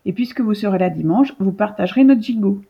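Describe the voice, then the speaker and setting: Polite, sly village vet voiced by a woman, husky and lo-fi. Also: medium pitch, expressive, quick pace.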